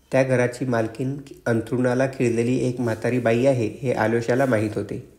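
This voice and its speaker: A male audiobook narrator with a mid-range voice that hardly rises or falls, reading in a steady, level way. The room around him adds a clear echo to each line. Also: mid-range voice. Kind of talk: scripted narration. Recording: roomy echo.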